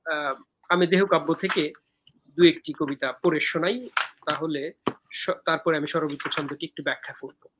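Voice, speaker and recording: A man hosting a live poetry talk over a video call, explaining verse meter in a measured way with frequent hesitant fillers. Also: fairly high pitch, background noise. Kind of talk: explaining verse meter and reading viewer comments.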